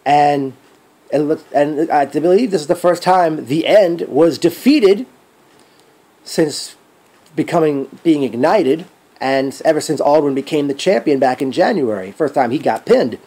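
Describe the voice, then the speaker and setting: A man giving a casual spoken event recap as a fan, rambling and thinking aloud with trailing pauses. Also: on the high side, lively intonation, dark tone, breathy edge.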